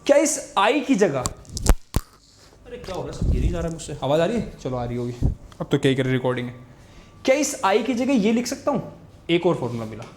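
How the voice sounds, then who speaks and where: Young man, physics tutor, slightly high voice, echoey room, faint background hum, repeats himself. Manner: repetitive, urging students to pay attention. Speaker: physics teacher. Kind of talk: fast Hindi tutoring lesson with board writing. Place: room, recording a class video.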